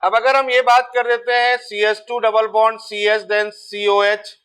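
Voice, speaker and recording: Bright, clear-voiced male chemistry teacher. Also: high voice, level tone, unhurried. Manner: repeats terms and checks if students follow. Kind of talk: board lecture.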